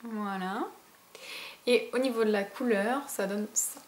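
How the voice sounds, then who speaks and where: A woman's voice: mid-range voice, unhurried. A young woman from France chatting enthusiastically to camera about her beauty purchases, with many fillers. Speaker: beauty vlogger. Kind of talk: casual haul chat to camera. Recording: echoey room.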